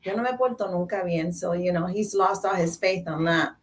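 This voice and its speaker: Switching between Spanish and English, a woman hosts a casual talk show, chatting playfully and with emphasis. Her voice is lowish, her pace normal, and she sits far from the mic.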